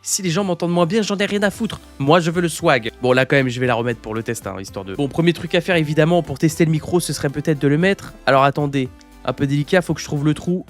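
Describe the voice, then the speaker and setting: A man's voice: a little high, quick pace, faint music behind. A man casually reviewing a headset, talking through a headset mic in a crude, joking, rambling way. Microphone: gaming headset mic.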